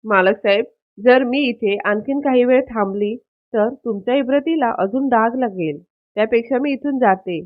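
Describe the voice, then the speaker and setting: A woman's voice: fairly high pitch, normal speed, close to an everyday voice. A woman voicing a pleading, humiliated young wife. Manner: pleading, apologetic speech. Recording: tinny phone-like audio.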